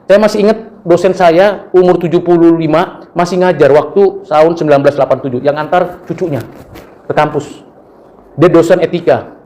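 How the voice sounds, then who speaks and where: A middle-aged Indonesian man, a preacher who also lectures at a university, delivers a sermon in a fairly high voice at a moderate pace. He tells personal stories with animation, acting out the people in them and voicing their quoted words.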